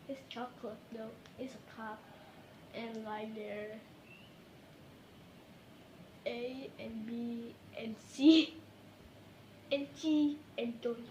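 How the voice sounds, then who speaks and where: A woman's voice: fairly high pitch, fairly even intonation, slow, pauses often, a little mellow, reverberant, slight background noise. A woman chatting playfully to her viewers in a silly vlog, giggling and talking to herself as she goes. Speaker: vlogger.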